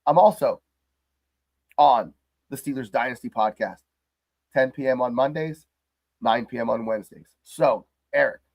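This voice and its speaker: A male host with a hoarse, crackly voice worn down by the flu. He chats loosely and jokingly about his team in a rambling livestream style. The sound is dry and close, with little room echo. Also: medium pitch, normal speed, long pauses, a little mellow. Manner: rambling and jokey. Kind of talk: casual livestream sports chat.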